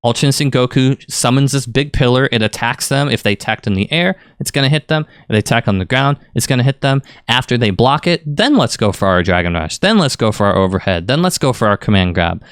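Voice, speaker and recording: A man coaching on fighting-game tactics in a casual, rambling, conversational way, stressing key points with lively emphasis. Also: medium pitch, brisk, hardly any pauses, clear, resonant tone, dry recording, clean studio sound. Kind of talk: casual explanatory commentary.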